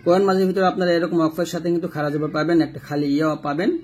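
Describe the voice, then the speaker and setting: A man teaching Quran reading step by step, spelling out letters and vowel marks and then reciting them slowly and drawn out. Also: fairly high pitch, fairly even intonation, darkish tone, breathy edge.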